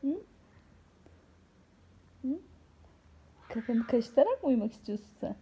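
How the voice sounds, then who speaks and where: Cat owner, woman, slow cooing pet talk, dark husky voice. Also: high voice, sing-song. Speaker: cat owner filming her cat.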